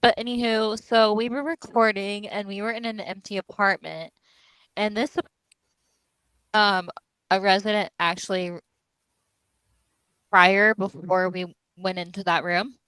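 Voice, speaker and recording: A woman's voice: mid-range voice, fairly even intonation, unhurried, long pauses, fairly bright tone, smooth, dry recording, low-quality recording. Tired young woman, mid-range voice, giggly and yawning, casual podcast, dry close sound. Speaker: podcast co-host. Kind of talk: casual chat.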